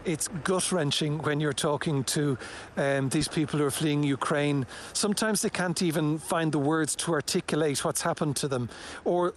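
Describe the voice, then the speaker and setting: Brief: male field reporter, slightly high voice, sombre, faint outdoor ambience. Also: a little hiss or hum. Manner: descriptive, sombre. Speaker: news reporter. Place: outdoors at a border checkpoint.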